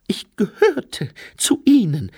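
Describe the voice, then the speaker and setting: A woman's voice: a little high, very animated, unhurried, husky, pitched above the performer's own voice, heavily acted. A man voicing a strange woman in an evening gown, a former Auditor who speaks intensely and urgently, in an audiobook reading. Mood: urgent earnest.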